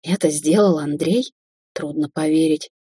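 A woman's voice: deep voice, measured pace, mellow, slightly rough, no room sound, heavily acted. A woman voicing a frightened, wary young woman in an audiobook, tense and cautious, crying out when hurt.

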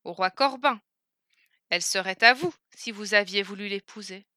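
A woman's voice: mid-range voice, moderate pace, sharp tone, no room sound, studio quality, natural voice. A woman voicing a poor male beggar who talks in a firm, scolding, commanding way. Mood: stern. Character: stern poor male beggar, gruff and bossy.

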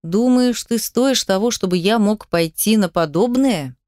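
A woman voicing a cold, domineering rich young man in an audiobook, lowering her voice to a taunting, mocking drawl. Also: expressive, normal speed, dry recording, clean studio sound, lightly acted.

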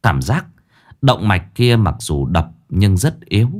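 Male ghost story narrator, low voice, lively delivery, dramatic reading. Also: takes it slowly.

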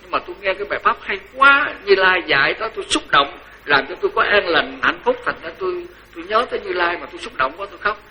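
A man with a Southern Vietnamese accent voicing an elderly male lay donor, moved to tears, speaking quietly and earnestly with halting repeats. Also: sits high, lively intonation, slight background noise, full character voice, poor audio.

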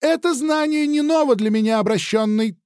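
A man's voice: extremely high pitch, normal speed, darkish tone, clean tone, no room sound, clean studio sound, voice pushed up. A man reading an audiobook, voicing a haughty alien intelligence with a thin voice, somewhere between a woman and a child. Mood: cold. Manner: cold, haughty, taunting. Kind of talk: audiobook character voice.

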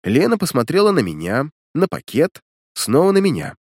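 A man calmly reading a first-person audiobook, narrating the story and the hero's lines. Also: a little high, moderate pace, dry recording, clean studio sound.

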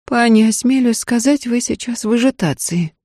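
A woman's voice: sits high, moderate pace, a little mellow, no room sound, studio quality, voice pushed up, natural voice. A woman voicing a timid, frightened young housemaid, pleading.

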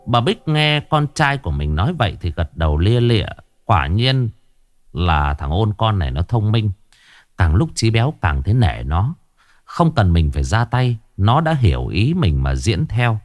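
A man's voice: fairly low pitch, normal speed, no echo, studio quality. A man narrating a horror story expressively. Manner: expressive, animated. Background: faint music.

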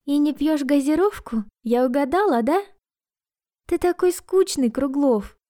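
A woman voicing a bubbly, playful young woman who teases in a higher, brighter voice. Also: measured pace, no room sound, clean studio sound. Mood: teasing.

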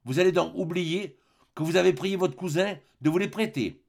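A man's voice: high voice, moderate pace, gravelly, darkish tone, voice pushed up. A man reading an audiobook and voicing a male doctor who gives firm hypnotic commands. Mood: commanding.

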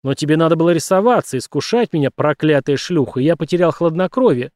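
A man reading an audiobook, voicing a menacing, brutal young man who speaks loudly and bluntly. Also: fairly high pitch, fast talker, dry recording, studio quality, close to an everyday voice. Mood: threatening. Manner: loud, blunt and threatening.

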